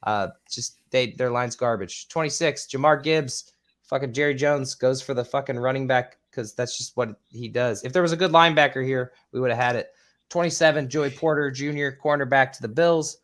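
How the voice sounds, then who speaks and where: A man hosting a casual podcast, rattling off a list with filler ums and casual swearing, his voice a bit squeaky. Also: normal speed, fairly bright tone. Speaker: podcast host.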